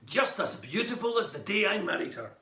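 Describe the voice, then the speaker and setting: A man's voice: high voice, big pitch swings, brisk, creaky, sharp tone, roomy sound, heavily acted. A man voicing an old male ghost grandfather who is gloomy but fond, in a storybook reading.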